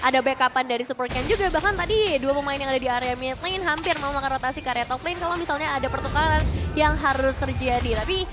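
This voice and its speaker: Lady esports caster, high voice, talks fast and animated over music. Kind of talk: live esports match commentary. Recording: loud music behind commentary.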